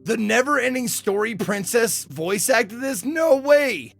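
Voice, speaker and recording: A man's voice: very high voice, animated, a little slow, vocal fry. A man giving informal, jokey let's play commentary as a game streamer. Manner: informal, jokey, reacts and reads dialogue aloud. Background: game music.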